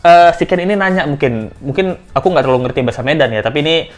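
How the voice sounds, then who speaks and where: A man's voice: fairly high pitch, expressive, quick pace, soft background music. A man giving casual commentary as he reads out messages, lifting his voice to mimic the writers and laughing often. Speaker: commentary vlogger.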